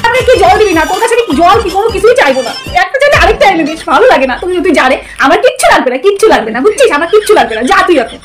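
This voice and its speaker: A high-voiced woman plays an exasperated older sister in a comedy skit. She talks fast and scolds, and music runs clearly behind her. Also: expressive.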